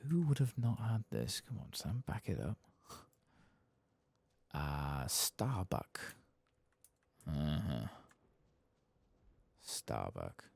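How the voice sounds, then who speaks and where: Speaking softly in ASMR style over a video game, a man with an extremely low, gravelly voice muses to himself, his pitch wandering up and down and very animated. He reads quest text aloud and narrates his play in hesitant, unhurried asides, pausing to think.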